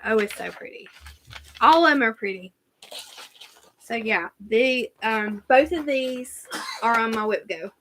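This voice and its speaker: Bright, chatty Southern woman. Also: fairly high pitch, slight background noise. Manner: chatty, rambling, reads out viewer comments. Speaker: cross-stitch channel host. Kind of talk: casual live-stream chat.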